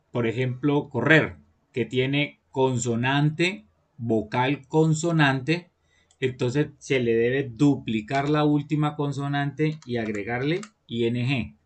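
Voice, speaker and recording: A man, teaching an online class to children, patiently explaining and often checking that they follow. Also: mid-range voice. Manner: patient, repeats "¿listo?" to check understanding.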